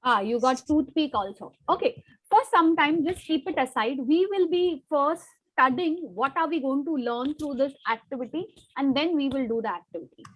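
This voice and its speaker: A young woman teaching an online class on a video call, briskly coaxing and quizzing her pupils by name. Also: high-pitched, lively intonation, lo-fi sound.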